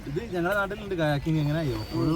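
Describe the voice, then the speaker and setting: A man with a Kerala accent narrating a casual, excited outdoor vlog, mixing English slang into his Malayalam and repeating catchphrases. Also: fairly high pitch, very fast, a crowd in the background. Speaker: vlogger. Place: outdoors, in a small boat on water.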